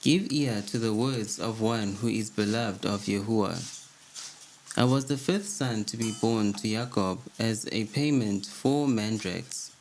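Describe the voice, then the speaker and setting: A man reading an old religious text aloud at a steady, measured pace as a co-host. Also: lowish voice, a little hiss or hum, rough recording.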